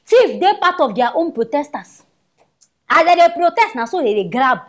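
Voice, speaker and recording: A woman's voice: sits high, normal speed. A woman with a Nigerian accent giving casual, scolding commentary as a vlogger. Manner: animated, scolding.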